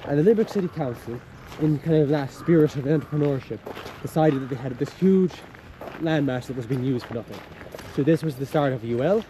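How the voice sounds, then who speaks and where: Here a young man gives a casual, upbeat campus walking tour as a student guide, his explanations loose and conversational. He speaks briskly, with a voice on the high side. Urban sound and traffic noise are plainly audible throughout this outdoor recording.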